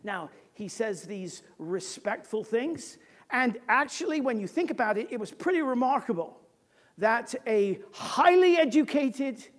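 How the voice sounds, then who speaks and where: A woman preacher giving a sermon, explaining scripture emphatically with conversational asides to the congregation. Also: on the high side.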